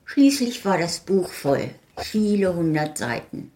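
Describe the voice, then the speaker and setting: Woman, author reading her short story, low voice, very slow, calm, measured.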